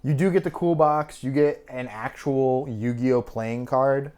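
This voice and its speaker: A man's voice: mid-range voice, fairly even intonation, unhurried, a little mellow, clear, resonant tone. A young man co-hosting a podcast, chatting casually and rambling with fillers and restarts. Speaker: podcast co-host. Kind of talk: casual chat.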